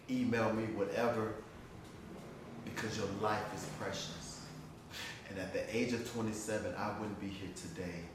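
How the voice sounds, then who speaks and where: A man's voice: lowish voice, distant mic, background noise. A man who served in the army gives a personal testimony monologue, earnest and preacherly, speaking straight to the listener. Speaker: army veteran sharing his testimony. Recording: very echoey room with music behind.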